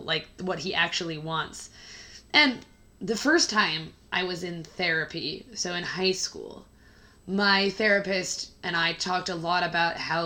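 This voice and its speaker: A woman podcast co-host with a hoarse, scratchy smoker's rasp, chatting casually and wryly about a book. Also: fairly low pitch, pushed and bright. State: hoarse after flu.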